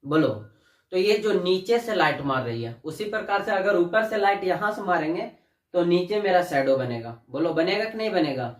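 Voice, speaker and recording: Male teacher, higher voice, talks to students as kids, recorded off-mic in an echoey room. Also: expressive, normal speed, far from the mic. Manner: addresses students as "बच्चा", asks and answers own questions. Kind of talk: classroom lesson.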